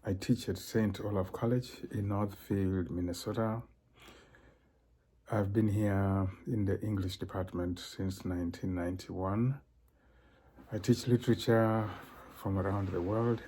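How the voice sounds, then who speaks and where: A Tanzanian professor and cultural consultant, an older man, delivers a talk on his own. His speech is halting, full of fillers and throat-clearing, in a low, dark voice with a steady tone.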